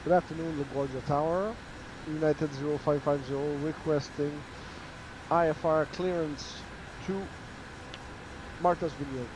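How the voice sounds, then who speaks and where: A man acting as an airline pilot on a cockpit headset, reading back clearances in crisp, clipped radio phraseology and calling out takeoff checks. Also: on the high side, steady tone, a little slow, background noise. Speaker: flight simulator player acting as airline pilot.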